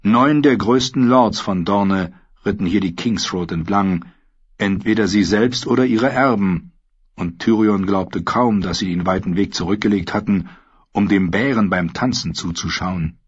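A man narrating a fantasy audiobook with expressive storytelling. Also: on the low side, a little slow, breathy edge. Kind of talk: scripted narration. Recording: dull lo-fi audiobook recording.

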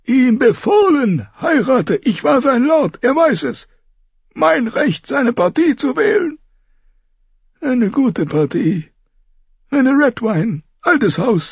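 A man voicing a frail, dying old lord who speaks in a thin, trembling whisper with halting, wandering sentences, in an audiobook reading. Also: very high-pitched, creaky, husky, dry recording, dull audio, pitched above the performer's own voice, full character voice. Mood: insistent.

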